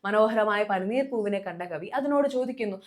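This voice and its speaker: A young woman teaching a live online class with a Kerala Malayalam accent, coaxing her students with many quick questions. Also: mid-range voice.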